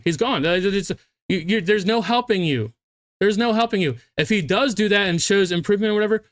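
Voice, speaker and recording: A drunk male sports fan with a high voice launches into a heated, profane rant, emphatically repeating phrases to hammer his points home. There's no room sound.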